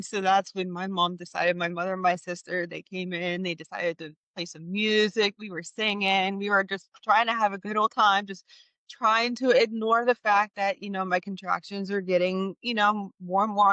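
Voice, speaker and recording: Brief: thirties mom guest, animated and laughing, crisp bright tone. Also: female voice, medium pitch, no echo. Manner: animated, laughing, many restarts. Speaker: podcast guest. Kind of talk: candid storytelling chat.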